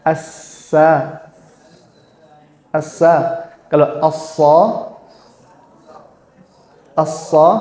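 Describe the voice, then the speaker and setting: Slow, patient male recitation teacher. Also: a little high, warm tone, echoey room. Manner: demonstrates sounds slowly, explains patiently. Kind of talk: Quran recitation lesson.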